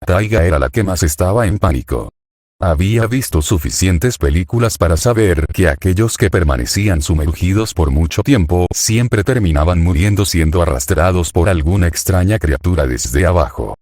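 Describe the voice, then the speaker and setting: A man narrating a fanfiction story in a steady storytelling read. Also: sits low, normal speed, dry recording, studio quality. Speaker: fanfiction reader. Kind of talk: scripted narration.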